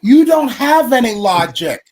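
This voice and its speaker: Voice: medium pitch, big pitch swings, a little slow, a little mellow. A co-host in a casual chat who teases and scolds in a dry way.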